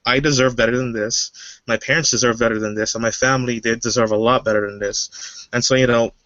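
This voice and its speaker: A man's voice: mid-range voice, fairly even intonation, brisk, fairly bright tone, no room sound, dull audio. A man from Guyana, a webinar guest, telling his story casually with many fillers. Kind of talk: personal story.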